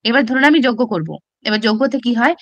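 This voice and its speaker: A woman's voice: a little high, expressive, fast, dry recording, lo-fi sound. A woman teacher with a Bengali accent explains a classical text step by step in an online exam-prep class, often asking rhetorical questions.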